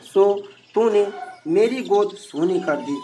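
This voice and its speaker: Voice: mid-range voice, lively intonation, slow pace, mellow, soft background music. A narrator voicing a devout old mother-in-law. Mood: grieving. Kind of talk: devotional storytelling.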